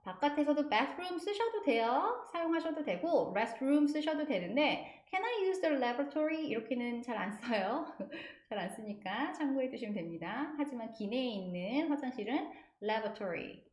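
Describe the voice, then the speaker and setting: A woman teaching English to beginners in a friendly, patient way, spelling out words slowly and having listeners repeat after her. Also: on the high side, lively intonation, darkish tone, echoey room. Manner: patient, spells words letter by letter and drills repetition.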